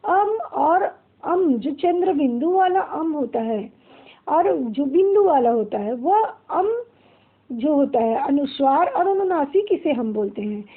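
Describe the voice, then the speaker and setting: A woman's voice: sits high, expressive, slow. A woman teaching a grammar lesson, asking questions and then answering them herself. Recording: tinny phone-like audio.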